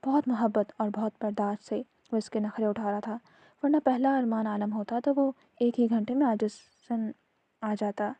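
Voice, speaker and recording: A woman narrating a serialized novel in a steady, even reading voice. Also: a little high, no room sound, dull audio.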